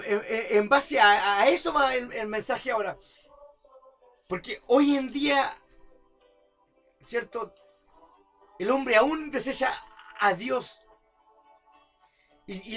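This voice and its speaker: A man's voice: extremely high pitch, slow pace, long pauses, a bit bright, soft background music. A man preaching a sermon as pastor, repeating rhetorical questions and building to emphatic outbursts. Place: church service.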